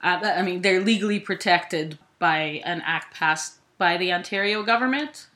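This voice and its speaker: A woman from Ukraine, a volunteer, answering interview questions thoughtfully, pausing with "uh" and correcting herself as she goes. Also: on the low side, bright, forceful tone. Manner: thoughtful, with frequent "uh" and self-corrections. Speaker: volunteer with a food sharing group.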